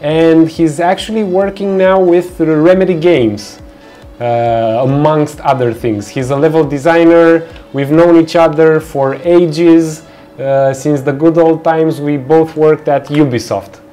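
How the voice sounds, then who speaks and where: A man's voice: fairly high pitch, faint music behind. A young man with a Romanian accent who hosts a live stream, chatting casually with viewers while he works, with lots of fillers. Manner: chatty, reads out and answers viewer chat, relaxed unhurried, filler-heavy. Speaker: livestream host. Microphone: headset.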